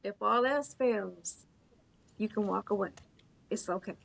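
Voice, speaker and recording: Gravelly-voiced woman on a podcast panel. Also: medium pitch, measured pace, fairly bright tone. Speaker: podcast co-host. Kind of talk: casual panel discussion.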